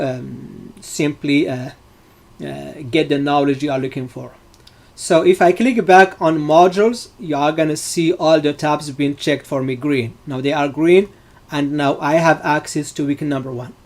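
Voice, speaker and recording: A man's voice: fairly high pitch, darkish tone. A middle-aged man from Morocco who teaches data science, walking students through an online course with an explanatory manner, frequent fillers and restarts. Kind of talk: live online class walkthrough.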